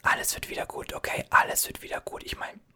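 A man's voice: fast, bright, forceful tone. A man whispering as a chatty, soothing gas station cashier in an ASMR roleplay, reassuring and rambling.

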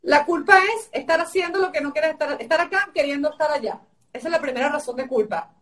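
A high-voiced woman speaks on a live video call, a little distant from the mic. She gives coaching advice in emphatic, repeated phrases, and her voice sounds tired and strained from a sore throat. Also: fast talker, a bit bright. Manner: emphatic, repetitive teaching phrasing. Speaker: guest coach. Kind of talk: live-stream advice talk.

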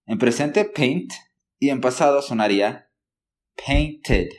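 A man teaching a language lesson, explaining patiently, checking in with listeners often and saying example words slowly for them to copy. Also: medium pitch. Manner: models words slowly for learners. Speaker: English teacher.

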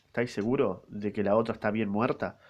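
A man's voice: fairly low pitch, steady tone, fairly quick, darkish tone, lo-fi sound, natural voice. A man with an Argentine accent voicing a brash, panicked young swordsman who swears casually. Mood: agitated. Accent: Argentine Rioplatense Spanish. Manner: swears casually, uses vos.

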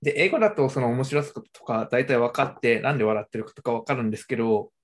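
A young adult in a casual chat who talks in a relaxed, hesitant way, with many fillers and restarts. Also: mid-range voice, fast talker. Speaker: conversation partner.

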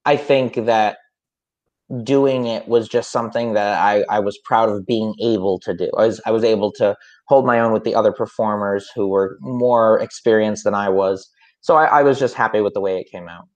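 On a podcast, a man who teaches music talks casually at a moderate pace, his voice on the low side and a bit nasal. His speech wanders, hesitant and packed with fillers and false starts.

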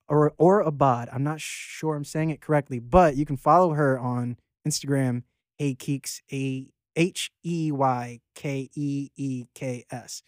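A man's voice: medium pitch, no echo, clean studio sound. A man around thirty, from Baltimore, a rapper chatting loosely in an interview with lots of fillers and restarts. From Baltimore, Maryland. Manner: loose and rambling, many fillers and restarts, swears casually. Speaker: guest rapper. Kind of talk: casual interview chat.

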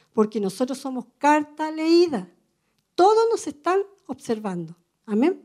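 A woman's voice: sits high, warm tone. A woman with a Chilean accent preaching a sermon to other women. She is earnest and conversational, tells personal stories and keeps adding "amen". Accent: Chilean Spanish.

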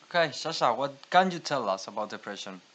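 A man's voice: mid-range voice, animated, fairly quick, fairly bright tone. A man hosts a casual podcast, introducing guests and asking questions in a conversational way. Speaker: podcast host.

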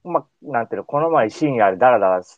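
A man's voice: mid-range voice, animated, fast, no room sound, narrow, tinny audio. A man with a Kansai accent hosting a radio show in casual, colloquial chat. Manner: informal, colloquial.

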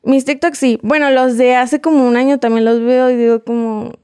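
Young Mexican woman, smooth higher voice. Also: little pitch movement, normal speed, dark tone, no echo, studio quality. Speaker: guest. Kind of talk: casual interview chat.

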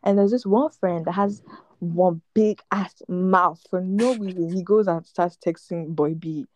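A woman's voice: on the low side, measured pace, a little mellow, no room sound. A young woman hosting a podcast, telling a long story in casual chat, rambling, laughing, with lots of fillers and restarts. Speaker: podcast host.

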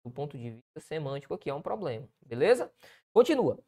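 This lively, fast-talking essay-writing teacher is a man with a fairly high voice and a Brazilian Portuguese accent. Correcting a student essay out loud, he often checks in with the listener and points things out.

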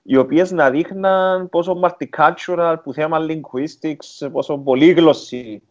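A man's voice: fairly high pitch, muffled recording. A man with a Greek Cypriot accent telling stories casually as an interview guest, dropping English words into his talk. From Cyprus. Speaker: interview guest, film and theatre director. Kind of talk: casual conversational storytelling.

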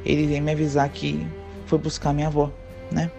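Woman telling a story, mellow voice. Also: low-pitched, a little fast, vocal fry, soft background music. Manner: animated, acts out quoted dialogue. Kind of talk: casual personal storytelling.

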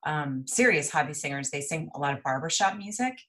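Woman from el paso, low voice, relaxed, thoughtful, storytelling interview guest. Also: fairly quick, low-quality recording. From El Paso, Texas. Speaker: guest, jazz singer and voice teacher. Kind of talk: interview conversation.

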